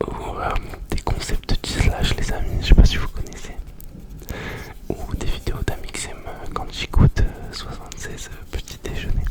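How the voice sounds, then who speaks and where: Young man, ASMR, breathy whisper, right in your ear, very close mic, informal chat. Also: normal speed. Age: young adult. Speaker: ASMR video host. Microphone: very close to the microphone.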